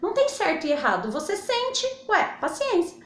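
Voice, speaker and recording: A woman's voice: very high voice, huge pitch swings, normal speed, reverberant. A woman from Brazil giving a motivational talk, emphatic and conversational, speaking straight to her listeners. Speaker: host.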